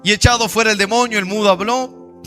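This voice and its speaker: A man's voice: sits high, fairly even intonation, brisk, faint music behind. A male pastor, preaching a fervent sermon full of scripture quotes. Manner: fervent preaching, quoting scripture, rising to shouts.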